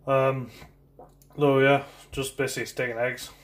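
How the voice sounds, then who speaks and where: Young man, casual home vlog, easygoing, plain-spoken, mid pitch, camera mic. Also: little pitch movement, a little slow. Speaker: fitness vlogger. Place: home, garage gym and living room.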